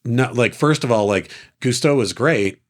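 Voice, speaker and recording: Animated man chatting about films. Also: medium pitch, moderate pace. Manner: animated, acts out quotes in character voices. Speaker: podcast co-host. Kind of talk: casual film discussion.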